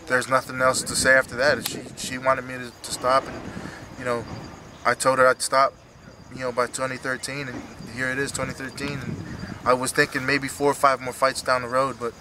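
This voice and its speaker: A man in his thirties speaking emotionally and haltingly in an earnest, unscripted post-fight interview as a retiring fighter. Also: medium pitch, monotone, noisy background. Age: 30s. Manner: halting, earnest, repeats himself.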